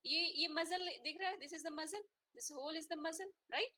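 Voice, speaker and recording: A woman's voice: very high-pitched, slow pace, sharp tone, poor audio. An Indian woman teaching an online veterinary anatomy class, mixing Hindi and English and often checking in with her students. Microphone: online class audio.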